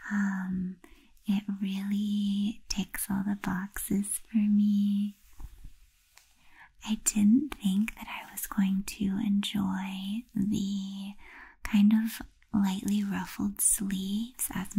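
A young woman whispering softly and slowly in an ASMR video, with a breathy, unvoiced delivery. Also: medium pitch. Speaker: ASMR creator.

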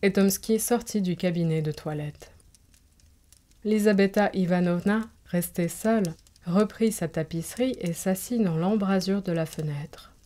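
A woman's voice: lowish voice, a little slow, mellow. Woman reading a classic story. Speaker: narrator.

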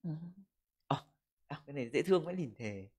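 A man's voice: medium pitch, animated, fairly quick, darkish tone, slightly rough. A man, livestreaming from a room at home and joking crudely as he reads viewer comments into a desk mic. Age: 20s. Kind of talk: casual livestream chat. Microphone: desk microphone.

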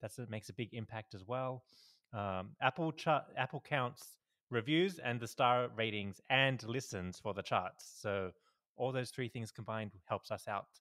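Unhurried and a bit bright, this man's mid-range voice carries a casual podcast chat where he's the co-host. He stays agreeable, leaning on repeated short affirmations, via a podcast microphone on a video call.

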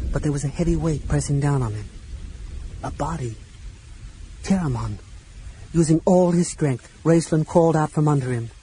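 A man narrating a fantasy audiobook, shifting between shouted lines and hushed whispers for the characters. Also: mid-range voice, a little hiss or hum, rough recording. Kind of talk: dramatic audiobook reading.

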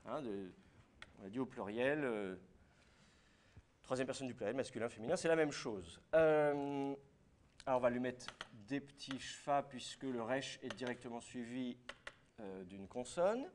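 A man's voice: medium pitch, unhurried, slight background noise. A man teaching a class, explaining step by step and putting questions to his students. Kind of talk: classroom lecture.

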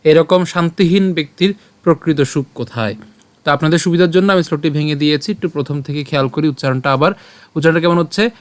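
A man teaching the Gita, breaking a Sanskrit verse into syllables and chanting it slowly with a tune. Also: on the high side, dry recording. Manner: slow syllable-by-syllable pronunciation drill. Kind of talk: devotional recitation lesson.

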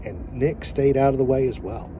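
Holding his phone at arm's length in sunlight beside a boat, a family vlogger in his forties relates a story straight to the camera. He talks at medium pitch, earnest and emphatic, pausing while he looks for the right words, and the outdoor phone recording includes background noise.

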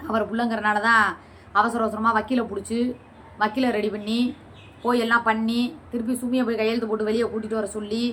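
A woman's voice: on the high side, little pitch movement, fairly quick, a bit bright, slight background noise. A woman vlogger answering viewer comments in a combative, scolding and sarcastic way. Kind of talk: heated reply to comments.

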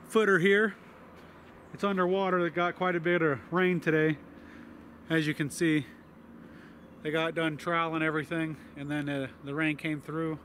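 A man with a slightly higher voice talks through his building site in a relaxed, matter-of-fact way, pausing on fillers as he goes. He is recorded outdoors on a handheld camera, with faint outdoor ambience behind him. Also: a little hiss or hum. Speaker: homesteader vlogger. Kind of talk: casual walkthrough narration.

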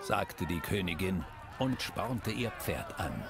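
An actor playing a grave storyteller, narrating a fantasy video game like a storybook. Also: male voice, deep voice, big pitch swings, slow pace, gravelly, loud music behind the voice, a loud crowd, heavily acted. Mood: grave, dramatic. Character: grave male storyteller of a war tale.

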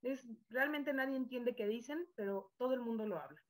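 A woman with a Mexican Spanish accent teaching an online voice workshop over a video call, energetic, encouraging and playful. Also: a little high, a little fast.

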